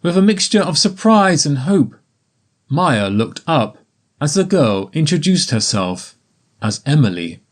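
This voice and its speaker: A man narrating a graded story for English learners in a slow, careful, evenly paced reading. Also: on the high side, sing-song.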